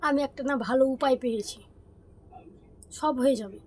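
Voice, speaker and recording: Hoarse, high-pitched young woman ranting. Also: moderate pace. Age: early 20s. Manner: complaining, rising to loud exasperated outbursts. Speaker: vlogger. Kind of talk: casual vlog rant.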